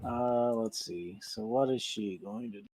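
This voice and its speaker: A man running a tabletop game as game master, thinking aloud in an unhurried way with pauses. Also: fairly low pitch, darkish tone.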